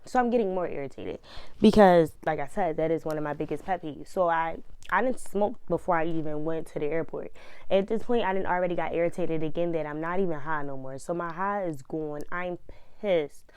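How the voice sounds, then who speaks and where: A young woman telling a story in a casual vlog, blunt and profane, animated as she goes. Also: low-pitched, brisk, clear, resonant tone, no echo.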